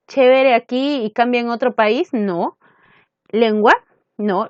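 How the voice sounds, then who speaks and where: Woman teacher, peruvian spanish accent, highish voice, dull dry lo-fi recording. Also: dry recording. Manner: asks questions and answers them herself. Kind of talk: recorded classroom lesson.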